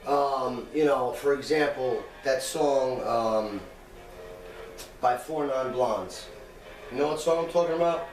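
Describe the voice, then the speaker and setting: A man's voice: mid-range voice, slow. Rambling man chatting in a roomy space. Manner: rambling storyteller, many restarts. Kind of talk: casual chat. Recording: roomy distant mic with music.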